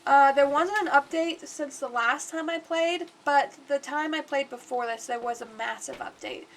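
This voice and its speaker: Talking to the game out loud, a stuffed-up woman rambles and chats her way through a livestream of her gameplay. She speaks at a normal speed in a high voice, with a little hiss or hum in the audio.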